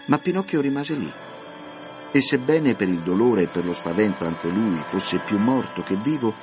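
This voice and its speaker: A man narrating a children's classic in a scripted, lively, expressive storytelling manner. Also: on the low side, normal speed. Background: soft background music.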